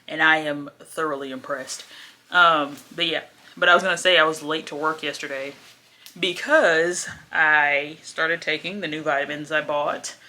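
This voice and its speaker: A woman's voice: deep voice, pushed and bright. Chatty young woman vlogging at home. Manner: chatty, laughs often, drops to whispers. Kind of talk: casual chatty vlog. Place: her home, indoors.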